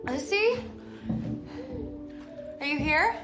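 An actress playing an excitable young woman in a sitcom scene. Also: high voice, extremely slow, echoey room, distant mic, loud music behind the voice, heavily acted. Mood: giddy. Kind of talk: sitcom acting.

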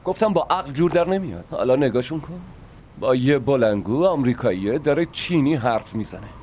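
An actor playing a shrewd, calm male enemy officer in a dubbed war drama. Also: medium pitch, close to an everyday voice. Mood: calculating. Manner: calculating, calm reasoning.

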